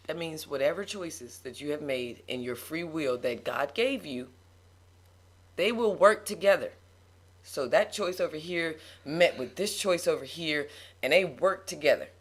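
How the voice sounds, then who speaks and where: A woman talking about faith in a relaxed conversation, slipping into a preaching cadence. She leans hard on her key words and laughs often between points. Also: low-pitched. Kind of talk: casual faith talk.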